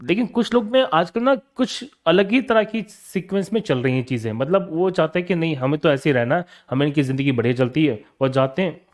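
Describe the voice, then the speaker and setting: A man's voice: fairly high pitch, brisk, hardly any pauses. A young adult man giving a science lecture to students, repeating each question and answering it himself, calling the students "beta". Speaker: teacher. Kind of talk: classroom lecture.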